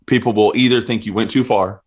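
A man with a somewhat low voice talks things through in a casual podcast conversation. He is an earnest worship leader who often repeats a word or two while he gathers his thoughts. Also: fairly even intonation, a little fast, husky.

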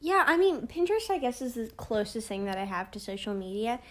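A teenage girl co-hosting a casual podcast, teasing and quick-witted, saying "like" often, recorded on a phone. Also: on the high side, big pitch swings, a bit bright. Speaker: podcast co-host. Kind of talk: casual chat.

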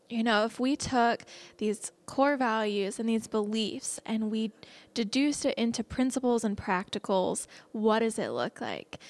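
A woman evangelist telling a story in a sermon, in a lively, conversational way. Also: a little high. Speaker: evangelist speaker.

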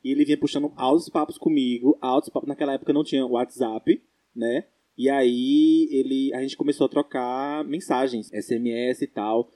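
A young man with a Brazilian Portuguese accent, telling stories as a podcast co-host in casual chat, animated and laughing. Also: mid-range voice, normal speed.

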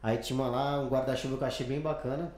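A man hosting a podcast, telling stories in a lively, slangy, casual way. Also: medium pitch, very fast. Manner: animated storyteller with slang. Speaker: podcast host. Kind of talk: casual chat.

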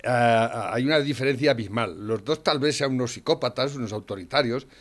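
Man, Spanish accent, blunt swearing rant in casual talk, rises to near shouting. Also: mid-range voice, brisk. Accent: Spanish from Spain. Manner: blunt, swears freely, rants loudly with frequent "¿eh?". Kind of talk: casual political chat.

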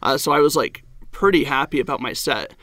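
A stand-up comedian appearing as a guest tells a story in casual conversation, rambling and leaning heavily on "like" and "um." His voice is fairly high and a bit bright, and he talks briskly. The studio-quality recording has no echo.

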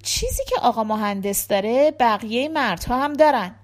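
A woman reading a playful woman tailor in a storybook recording, gossipy and teasing, her voice sits a bit high and pushes louder than the narration around it. the reader keeps it close to her own voice. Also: expressive, natural voice. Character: chatty teasing woman tailor, middle-aged.

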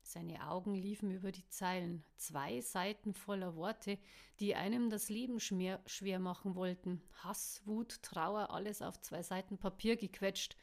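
Woman calmly reading a story aloud. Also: mid-range voice, a little slow, creaky.

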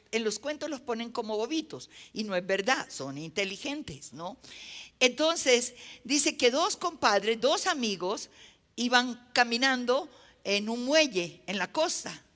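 A woman's voice: on the high side, a bit bright. A woman preaching a sermon, emphatic and repeating phrases for effect while telling anecdotes.

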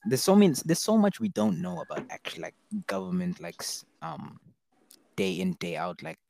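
Young male, low gravelly voice, loose slangy conversational storytelling. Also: huge pitch swings, normal speed, a little mellow, no room sound. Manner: slangy, rambling storytelling, frequent "bro". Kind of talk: casual chat.

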